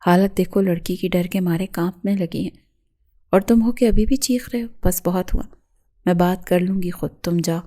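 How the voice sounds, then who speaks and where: A woman's voice: fairly low pitch, dark tone, close to an everyday voice. A woman voicing a stern middle-aged aunt who scolds and gives orders to the family. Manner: scolding, commanding.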